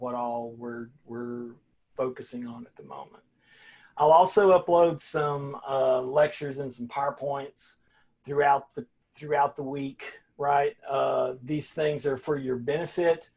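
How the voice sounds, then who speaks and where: Folksy older man, rambling instructor. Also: medium pitch. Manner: folksy, rambling with frequent restarts. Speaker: college philosophy instructor. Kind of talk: casual class talk on a video call.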